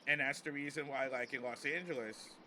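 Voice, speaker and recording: A brisk American man, a comedian hosting a podcast, builds his argument emphatically and casually, repeating phrases along the way as he airs strong opinions. His medium-pitched voice holds a steady tone, and there's noise in the background.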